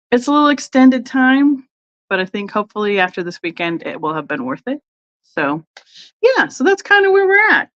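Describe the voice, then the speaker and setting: A woman's voice: lowish voice, dull audio. A woman hosting a casual live-stream sale, rambling through her trip and greeting viewers by name.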